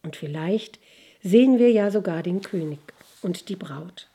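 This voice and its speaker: A woman voicing a kind young goose-herd boy in a fairy tale, who speaks softly and comfortingly. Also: on the low side, expressive, a little slow, breathy edge, full character voice.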